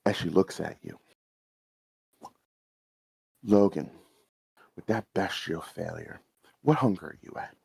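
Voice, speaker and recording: Brief: low, mellow-voiced male game master, casual rambling narration, dry close mic. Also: slow, gravelly, long pauses, breathy edge, no room sound, poor audio. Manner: loose, chatty description with fillers. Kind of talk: narrating a tabletop role-playing game.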